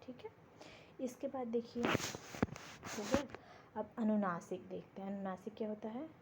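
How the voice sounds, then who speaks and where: A woman's voice: mid-range voice, unhurried, noisy background. A woman teaching a grammar lesson for exam prep, explaining step by step and answering her own questions. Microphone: board lesson video, writing while talking.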